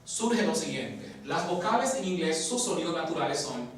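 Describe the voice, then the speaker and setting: A male teacher talks through a pronunciation lesson in a fairly high voice, stopping to repeat example words slowly and to ask his students rhetorical questions. He sits well back from the mic in a very echoey room with faint hiss underneath. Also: sing-song, far from the mic. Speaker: English phonology teacher. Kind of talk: explanatory lesson.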